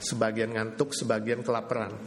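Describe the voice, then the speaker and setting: A man preaching a sermon to a congregation, animated, leading call-and-response and acting out quoted voices. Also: lowish voice, brisk, heavy background noise. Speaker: pastor. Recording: long hall reverb, faint ambience.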